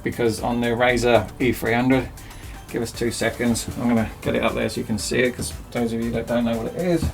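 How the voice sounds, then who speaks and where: A man's voice: mid-range voice, monotone, a little fast, vocal fry, hardly any pauses, soft background music. A man chatting casually and self-mockingly as he rambles through a DIY project in his cramped home workshop. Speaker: DIY video host.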